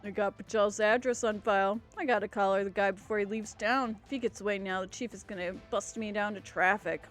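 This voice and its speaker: A woman's voice: medium pitch, steady tone, fairly quick, faint music behind, natural voice. A woman reading aloud the lines of an impatient male police detective, brusque and commanding. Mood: urgent. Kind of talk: reading game dialogue aloud.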